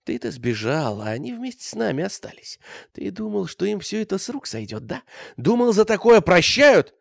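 Guy doing a young bandit, hissy and shrill, way higher than his normal voice. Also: very animated, brisk, gravelly, a little mellow, dry recording, clean studio sound, exaggerated voice. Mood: menacing. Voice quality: hissing, shrill. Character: young bandit lad, cornered, hissing then hysterical.

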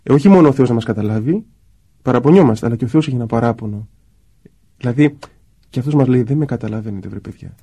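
A man's voice: medium pitch, pauses often, slightly rough. A man, a priest, talking about prayer in a conversational way and acting out quoted voices as he goes. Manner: acts out quoted voices in lively asides.

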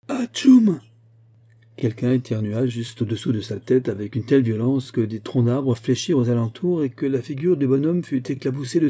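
A man reading a fantastic folk tale aloud as narrator, in a lively storytelling manner. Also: medium pitch. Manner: lively storytelling, voicing the grandfather's lines.

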